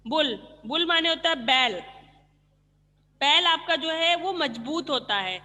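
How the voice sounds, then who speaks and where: Bright-voiced woman teacher, echoing room. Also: high-pitched, animated, takes it slowly. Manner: explains patiently, asks questions and answers them herself. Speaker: school teacher. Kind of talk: online class lesson explaining vocabulary.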